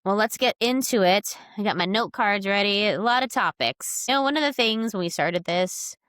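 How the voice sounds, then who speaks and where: A woman co-hosting a sports podcast in casual chat, sounding nasal from a cold, chatty and animated. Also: mid-range voice, normal speed, clear, resonant tone, no echo, studio quality. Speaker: podcast co-host.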